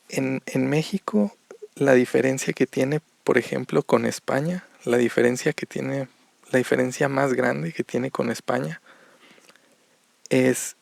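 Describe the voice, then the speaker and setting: A man from Mexico with a Mexican accent, teaching Spanish to learners on a podcast and explaining things slowly with plenty of examples. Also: medium pitch, creaky, no room sound. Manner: slow, repetitive explanations with examples.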